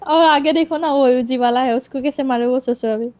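A young woman playing a mobile shooter game and chatting casually with a friend, excited and teasing, sometimes shouting. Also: high voice, fairly quick, dull audio. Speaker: gamer streamer. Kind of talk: casual gaming chat. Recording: faint background noise.

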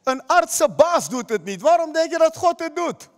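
A man's voice: very high-pitched, expressive, normal speed, in a large hall. A man preaching a sermon as pastor, emphatic, often putting direct questions to the congregation. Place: church hall.

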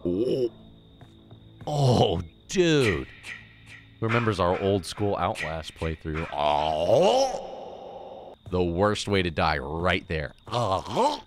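A man's voice: sits low, huge pitch swings, extremely slow, long pauses, faint music behind. A man hosting a live stream, chatting to viewers while playing a game. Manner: chatty, thanking and talking to chat while playing. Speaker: streamer host. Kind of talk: live gameplay commentary.

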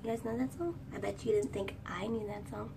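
A vlogger in her twenties talks a little fast in a steady tone, her high, girlish voice gravelly with a dark tone, as she does her hair and rambles through a chatty storytime, singing snatches of songs. The phone is held at arm's length in a small room, producing a distant mic sound with faint room ambience and slight background noise.

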